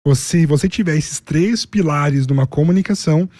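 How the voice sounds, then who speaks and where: A Brazilian man with a slightly raised, mellow voice lays out his advice in orderly steps and lists. He speaks as a public speaking coach, recorded dry and close. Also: on the high side, normal speed, no echo. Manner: methodical, explains in numbered steps and lists. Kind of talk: didactic interview explanation.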